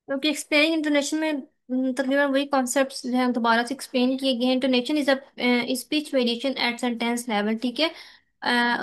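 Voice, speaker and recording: A woman with a Pakistani accent teaching a lecture. She explains from a text in Hindi-Urdu mixed with English terms, reads English lines slowly, and often checks in with "theek hai". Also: high-pitched, a bit bright.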